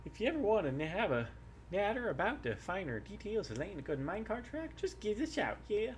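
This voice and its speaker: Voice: mid-range voice, sing-song, brisk, slight background noise, voice pushed up, natural voice. A performer voicing a chatty, helpful old prospector miner with a folksy drawl, reading video game dialogue. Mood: chatty, obliging.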